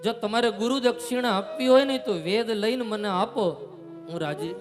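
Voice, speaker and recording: Wise old guru talking slow and calm, gujarati man doing it, high voice, echoey. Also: lightly acted. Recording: reverberant hall with music behind.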